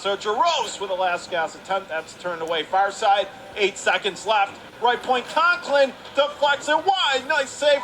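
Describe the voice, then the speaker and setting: With a high, slightly bright voice, a man delivers live radio play-by-play of an ice hockey game at the arena. You can clearly hear the arena around him.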